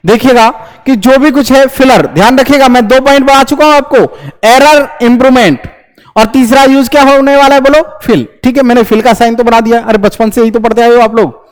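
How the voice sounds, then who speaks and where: A young man teaching English grammar in Hindi, lecturing to students and firing quick questions he answers himself. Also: very high-pitched. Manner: lively, repeats checks like "understood?". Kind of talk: classroom lecture.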